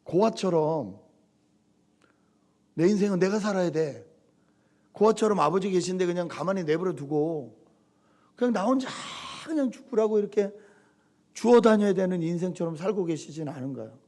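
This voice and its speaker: A middle-aged man preaching a Sunday sermon as pastor, animated, acting out quoted lines and swinging between loud and soft. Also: high-pitched, normal speed, pauses often.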